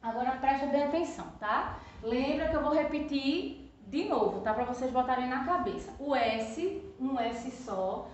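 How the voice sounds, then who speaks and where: High-voiced teacher in an echoey room. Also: female voice, animated, slight background noise. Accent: Brazilian Portuguese. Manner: patient, repeats "tá?" after nearly every phrase; slow, drawn-out stressing of example words. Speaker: primary school teacher. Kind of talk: remote lesson for young children. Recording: echoey room, distant from the mic, slightly muffled.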